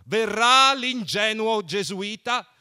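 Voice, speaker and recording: A man putting on a plump, jovial young mocker who booms out mock sermons. The voice jumps well above the reader's own, loud and ringing, with big swoops in pitch. Playful and theatrical throughout. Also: sing-song, moderate pace. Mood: boisterous mocking.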